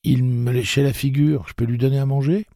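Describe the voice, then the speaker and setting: A man voicing a gentle, eager boy who talks softly in a raised voice. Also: on the high side, lively intonation, a little slow, creaky, no room sound, clean studio sound, voice pushed up, heavily acted.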